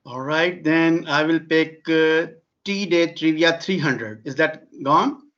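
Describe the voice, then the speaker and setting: A man's voice: fairly high pitch, slow, fairly bright tone. Man, quiz contestant, slightly muffled recording.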